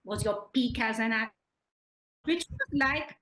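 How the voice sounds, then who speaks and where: In a reverberant room, a woman with an Indian English accent conducts a conversational interview. Her voice sits fairly high. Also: lively intonation, a little slow, sharp tone, a little hiss or hum. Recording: echoey room.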